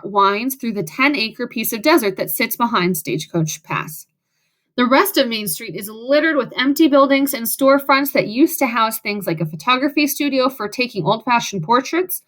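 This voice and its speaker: A woman's voice: a little high, a bit bright. A woman reading a first-person audiobook in a wry, sarcastic way. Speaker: audiobook narrator.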